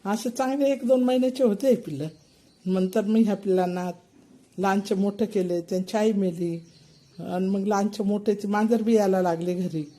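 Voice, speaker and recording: A woman's voice: medium pitch, fairly even intonation, normal speed, warm tone. An older woman, talking casually to her pet cats at home and cooing to them in baby-talk. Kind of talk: casual home video narration.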